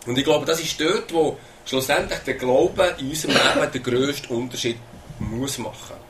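An earnest man preaching a sermon in a Swiss German accent. He has a mid-pitched voice, repeats words as he searches for them and checks in with the listeners. A faint noise sits under the recording. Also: moderate pace, fairly bright tone.

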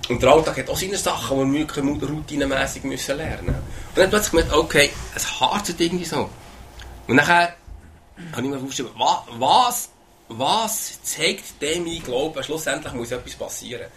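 A man's voice: mid-range voice, brisk, fairly bright tone, a little hiss or hum. A man with a Swiss German accent preaching a sermon in an earnest way, often repeating words and asking "oder?".

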